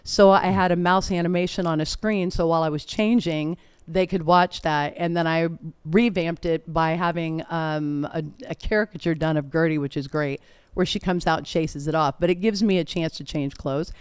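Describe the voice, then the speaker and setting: A middle-aged woman chats through her stories in a relaxed interview, often breaking into laughter. Her voice is smooth and resonant, and the recording is close and dry. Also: low voice, normal speed, no echo. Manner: chatty, laughing, animated storytelling. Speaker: performer and guest. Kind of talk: casual interview chat.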